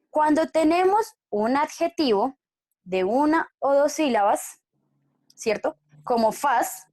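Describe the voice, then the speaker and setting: A woman's voice: sits high, a little mellow, no echo, studio quality. A woman teaching an online English class, patiently explaining grammar rules and checking that students follow. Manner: patient, checks understanding with frequent questions.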